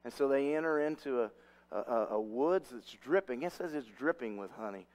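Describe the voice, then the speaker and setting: A man preaching a sermon in a relaxed, rambling way, with many restarts and side stories. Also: mid-range voice, moderate pace.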